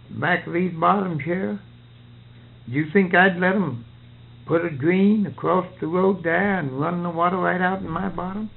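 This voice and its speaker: Old farmer guy, creaky voice, country grammar, just chatting, tinny lo-fi tape. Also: high-pitched. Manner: folksy rural speech with nonstandard grammar. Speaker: farmer being interviewed. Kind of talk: casual conversation, recounting farm life. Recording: tinny, narrow phone-like field recording.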